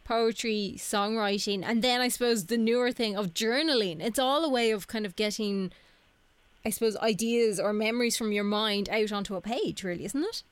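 A woman's voice: on the high side, normal speed, smooth, no echo. A woman asking questions as a casual interviewer.

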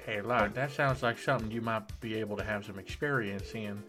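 A man's voice: fairly low pitch, fairly quick, over loud music. A man playing a tabletop game, joking and laughing often. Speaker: player. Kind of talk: casual tabletop play.

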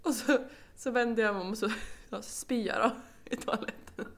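A young woman co-hosting a casual podcast, telling a story at length and laughing often. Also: a little high. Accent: Swedish. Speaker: podcast co-host. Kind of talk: casual chat.

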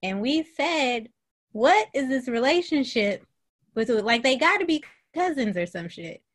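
A woman's voice: high-pitched, measured pace. A woman in her thirties co-hosting a podcast, recapping a TV show in casual, profane chat with lots of laughter. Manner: animated, laughing, profane storytelling. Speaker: podcast co-host.

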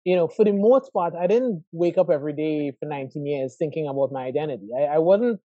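This Trinidadian professor in his forties, from Trinidad and Tobago, talks quickly as an interview guest on a call, reflecting thoughtfully and repeatedly checking in with "right?". His pitch is on the high side. The recording is muffled, with no echo.

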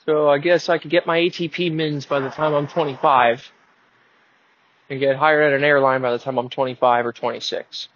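Young man in his twenties, rambling solo vlog, wry and self-mocking, slightly high voice, dull lo-fi sound. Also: fairly even intonation, normal speed, a little hiss or hum. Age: 20s. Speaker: podcast host. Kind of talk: casual solo vlog while driving.

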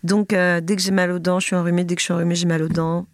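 Talking very fast with little pitch movement in a fairly low voice, a thirty-something woman with a stuffy head cold guests on a podcast for a casual chat. She swears casually and imitates other people's voices, captured in clean studio sound without echo.

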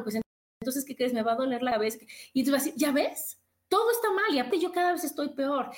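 Earnest Mexican woman in an echoey room. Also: fairly high pitch. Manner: earnest, animated, acts out quoted voices. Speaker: podcast host. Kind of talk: motivational monologue.

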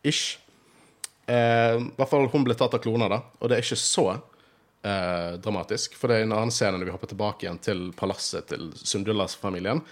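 A man with a Bergen accent, hosting a podcast in casual chat, talkative and laughing often. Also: on the low side. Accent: Bergen Norwegian. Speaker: podcast host.

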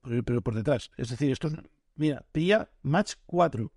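A man's voice: medium pitch, animated, normal speed, darkish tone, husky, dry recording, clean studio sound. A man co-hosting a casual podcast, rambling with enthusiasm and swearing freely. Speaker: podcast co-host.

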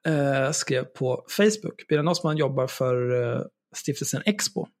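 A man's voice: medium pitch, lively intonation. A man co-hosting a podcast in casual chat, talking bluntly and sarcastically with some swearing. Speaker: podcast co-host.

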